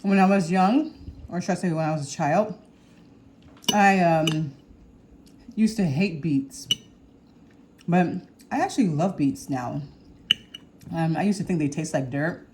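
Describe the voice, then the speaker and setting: Chatty woman eating, mellow low voice. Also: a little slow, pauses often, slight background noise. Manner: chatty, rambling, with soft laughs and hums. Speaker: cooking vlogger. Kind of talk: casual chat while eating. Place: home kitchen or dining room with window open.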